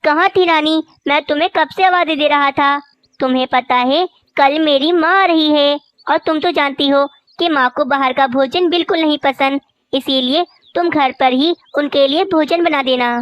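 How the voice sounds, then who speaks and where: A woman's voice: high voice, normal speed, no room sound, muffled recording, natural voice. A woman voicing a rich young male crow, a husband who scolds and gives orders in a cartoon. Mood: stern. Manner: bossy, scolding. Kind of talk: cartoon voice acting.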